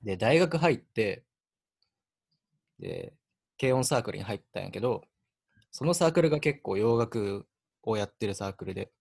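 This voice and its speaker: A man in his twenties with a Kansai accent, a band member telling a story in a relaxed, self-mocking way on a casual radio chat. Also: fairly low pitch, moderate pace, vocal fry, long pauses. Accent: Kansai Japanese.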